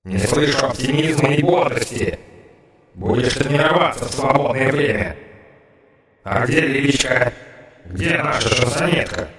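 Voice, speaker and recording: A man's voice: mid-range voice, lively intonation, measured pace, fairly bright tone, reverberant, long reverb tail, voice pushed up. A man voicing a crude, foul-mouthed fellow with a nasal, bleating, goat-like voice in an audiobook. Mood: coarse mocking. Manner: coarse, mocking. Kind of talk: audiobook character voice.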